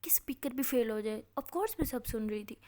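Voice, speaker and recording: A woman's voice: a little high, lively intonation, normal speed, dark tone, lightly acted. A woman voicing a mischievous young female college friend who teases and talks back playfully. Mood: teasing, defensive. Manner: playful, teasing.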